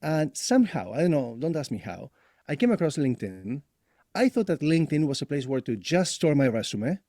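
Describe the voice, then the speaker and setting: A man in his forties from Argentina, a guest telling his career story in a lively, laughing way. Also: on the high side, fairly quick, dry recording, studio quality. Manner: animated storyteller, laughs often. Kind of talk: casual interview.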